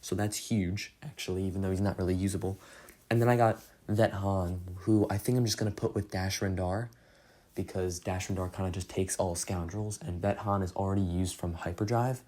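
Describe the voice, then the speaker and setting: A man's voice: deep voice, warm tone. A young man casually recapping his game progress, rambling and poking fun at himself. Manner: rambling, self-deprecating, many fillers. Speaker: gaming channel host.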